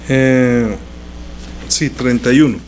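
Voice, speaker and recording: A man's voice: medium pitch, fairly even intonation, slow pace, a little mellow, a little hiss or hum. A male pastor teaching a sermon in a conversational way, explaining scripture with everyday examples.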